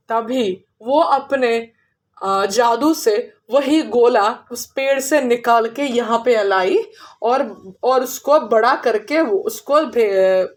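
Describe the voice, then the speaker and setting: A woman tells a horror story at a very slow, unhurried pace in a fairly high voice. Her narration is informal, and she often restarts her sentences partway through.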